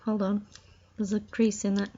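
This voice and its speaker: A woman chatting casually in a home video while she has the hiccups, reading jokes aloud haltingly and laughing at her own slips. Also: medium pitch, monotone, dark tone. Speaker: vlogger. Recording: dull lo-fi home recording.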